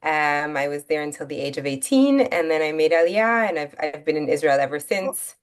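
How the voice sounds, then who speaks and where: Woman, low pitch, born in Italy, raised in Belgium, guest author, thoughtful, pausing with ums. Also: lively intonation, smooth. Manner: measured, thoughtful, many ums. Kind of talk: interview conversation.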